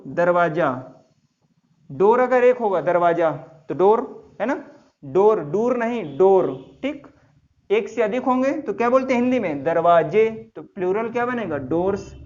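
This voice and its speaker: A man's voice: high-pitched, darkish tone. A man teaching English grammar to a class, spelling words letter by letter and quizzing students with repeated questions. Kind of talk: classroom lesson. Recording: dull lo-fi sound.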